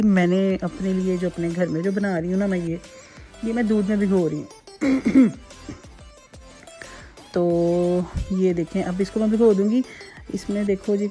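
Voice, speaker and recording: This Pakistani woman runs a cooking channel, hosting a casual home cooking tutorial from her kitchen. Her mid-range voice is warm, and she chats in a repetitive way, sprinkling in homely asides.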